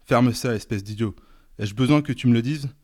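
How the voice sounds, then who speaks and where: A man's voice: mid-range voice, normal speed, no echo, studio quality, close to an everyday voice. A man doing a barking, angry estate boss. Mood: scornful irritated. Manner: barking, shouting commands. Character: angry domineering older male estate boss.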